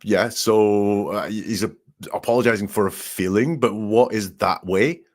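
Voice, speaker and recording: A man with a slightly low voice explains statement analysis on a live chat show. He talks in an explanatory way and breaks quotes down point by point. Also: normal speed.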